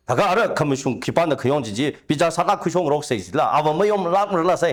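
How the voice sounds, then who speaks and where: Man with a slightly high voice, animated. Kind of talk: conversational discussion.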